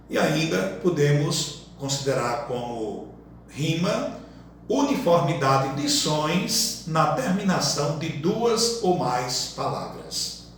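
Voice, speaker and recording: A man giving a slow lesson, listing example words one by one and explaining each. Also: on the high side, fairly bright tone. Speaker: workshop teacher. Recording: echoey room from far off, faint noise.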